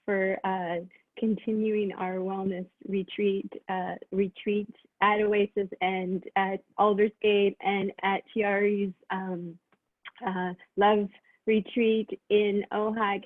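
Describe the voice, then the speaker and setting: A woman's voice: mid-range voice, dry recording. Brief: woman, 50s, massage therapist, earnest and rambling, dry tinny video-call sound. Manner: earnest, rambling with many restarts and fillers. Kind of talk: casual sharing with a wellness group.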